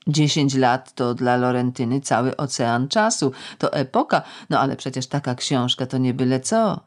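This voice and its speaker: An audiobook narrator reading a novel in a measured, reflective storytelling manner. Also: mid-range voice.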